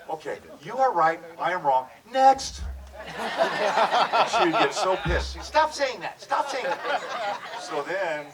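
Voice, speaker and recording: At an outdoor backyard gathering, a Hawaii-born widower in his sixties hosts a memorial, giving a casual, joking, heartfelt speech to the crowd on a handheld microphone. His voice is fairly high, full of fillers and restarts, and the mic sounds distant with people all around.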